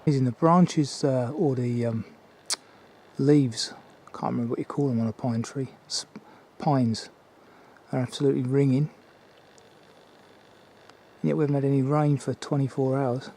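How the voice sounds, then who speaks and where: Older male hiking vlogger, mellow and chatty, talking casually and unhurriedly over faint outdoor noise. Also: medium pitch, steady tone, normal speed. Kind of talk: casual walking commentary to camera. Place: outdoors on woodland and mountain trail.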